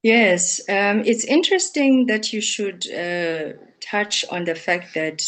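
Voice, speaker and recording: Over a video call, an English teacher leads an online speaking class, encouraging learners and affirming their points with "truly" and "mm-hmm." The voice is mid-range, a bit bright, and slow-paced.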